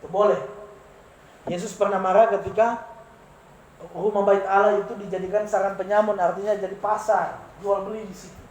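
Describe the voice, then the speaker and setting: A preacher giving an animated sermon, asking the congregation questions and answering them. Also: mid-range voice, brisk, slight background noise. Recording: roomy, echoey room sound.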